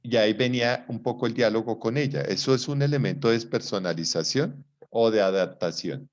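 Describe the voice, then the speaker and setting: A man with a mid-range, brisk voice gives a live psychology class in a conversational way, often using rhetorical questions to check that students follow. The recording is dull and lo-fi.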